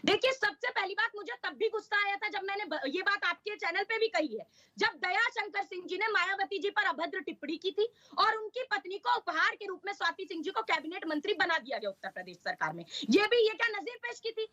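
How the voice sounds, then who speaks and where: A woman's voice: extremely high pitch, lively intonation, brisk, pushed and bright, lo-fi sound. A woman speaking as a party spokesperson in a heated TV news debate, insistent and argumentative, talking over the others.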